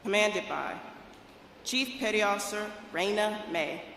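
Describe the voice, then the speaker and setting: A woman's voice: medium pitch, lively intonation, a little slow, vocal fry, a bit bright. A woman reading a formal scripted announcement as master of ceremonies at a military event. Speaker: master of ceremonies, Navy officer. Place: large indoor drill hall. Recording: very echoey hall, distant, faint noise.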